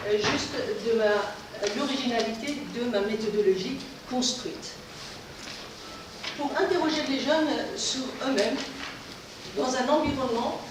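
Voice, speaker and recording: Woman, hesitant presenter, distant microphone, noisy room. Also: a little high. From Iran. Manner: hesitant, many filler sounds. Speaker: doctoral contest speaker. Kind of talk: short pitch presentation. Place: large lecture hall. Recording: echoey hall, distant mic, background noise.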